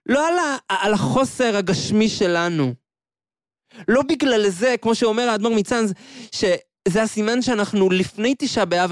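A man preaching an impassioned sermon, telling a story and slowing down on quoted scripture. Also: sits high, no room sound, studio quality. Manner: impassioned, slows down on quoted verses.

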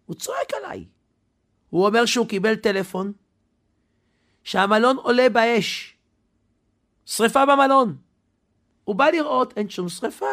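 A man preaching a sermon, telling a story dramatically, swinging from loud to hushed. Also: sits high.

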